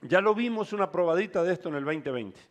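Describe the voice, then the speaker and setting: A man with a high voice preaches a sermon. He tells the story with drama and calls out to his listeners. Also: expressive, quick pace. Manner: calls out to the congregation. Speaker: pastor.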